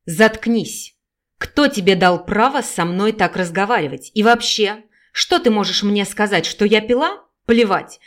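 A cruel, bitter mother, played by a woman reader, spits every word with loud scorn. Her voice stays harsh and hateful in this storybook scene. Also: medium pitch, expressive, fairly quick, lightly acted. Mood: scornful.

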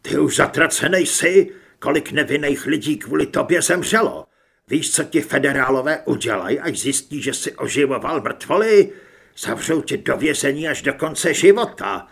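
A man voicing a furious, tough male monster hunter, shouting in rage, with a husky voice. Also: on the high side, expressive, full character voice. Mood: enraged. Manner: shouting, enraged.

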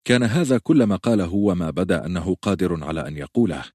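A man reading a novel as an audiobook narrator, in a steady, measured way. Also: deep voice, breathy edge, dry recording, clean studio sound.

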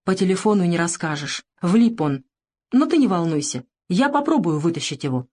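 Woman reading a gruff young ex-soldier. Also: lowish voice, sing-song, moderate pace, darkish tone. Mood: curt. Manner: curt, gruff. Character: tough young male ex-soldier, curt and angry.

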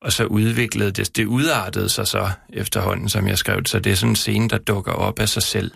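A man with a low, heavily gravelly voice reads his own prose aloud and then talks about it. When speaking freely he stumbles and repeats words. The studio sound is dry and close. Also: fairly even intonation, a bit bright, no echo. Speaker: author reading his own work. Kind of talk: reading aloud, then casual radio talk. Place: radio studio.

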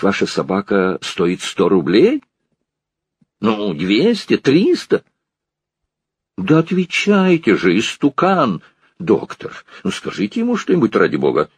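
A man reading an audiobook, voicing a rich, imperious lady who demands and shouts shrilly. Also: on the low side, husky, no echo, heavily acted.

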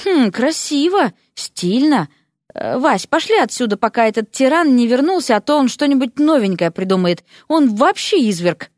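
A woman's voice: sits high, sing-song, normal speed, darkish tone, dry recording, clean studio sound, pitched above the performer's own voice. A woman voicing a cheeky grumbling young prince. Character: cheeky young male prince, complaining student.

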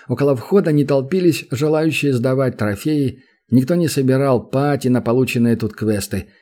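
Husky male audiobook narrator. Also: medium pitch, dark tone.

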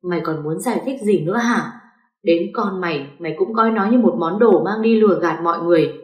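A woman's voice: lowish voice, a little fast, reverberant, natural voice. A woman voicing a furious young wife who hurls insults in a raised voice. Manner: shouting insults.

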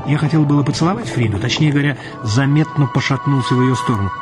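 A man's voice: medium pitch, fast. A man reading a story aloud in a dry, ironic storyteller's manner. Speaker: narrator. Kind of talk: audiobook reading. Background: music.

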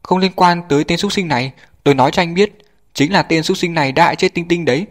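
Man voicing a hysterical grieving mother, shrill raised pitch, shouted and loud, vengeful storybook woman. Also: fast, natural voice. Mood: furious shrieking. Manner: shrill screaming accusations.

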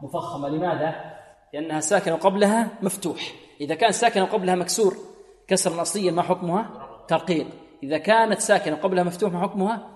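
A male Quran recitation teacher giving a tajweed lesson, explaining rules, asking questions and slowly drawing out verses to demonstrate. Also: high-pitched, darkish tone. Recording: echoey room with long reverb.

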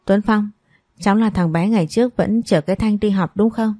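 A woman's voice: medium pitch, a little fast, mellow, no echo, clean studio sound, natural voice. A woman voicing a kindly, fussing older woman in a family story. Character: kindly old grandmotherly woman.

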